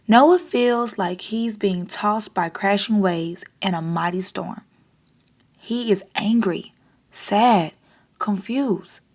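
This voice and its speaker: A mid-range female voice brings a children's picture book to life during storytime. She reads it aloud in a careful, expressive manner.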